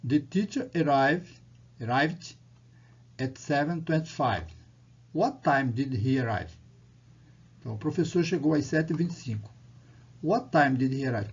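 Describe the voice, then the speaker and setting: Mellow-voiced man teaching English grammar. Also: mid-range voice, breathy edge. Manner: explains patiently in Portuguese, reads English lines slowly and loudly, repeats them. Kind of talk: recorded language lesson. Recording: dull lo-fi recording.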